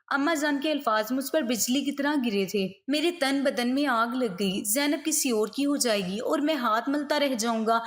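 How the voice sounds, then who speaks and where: A woman narrating a dramatic story in a steady, expressive reading voice. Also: sits high.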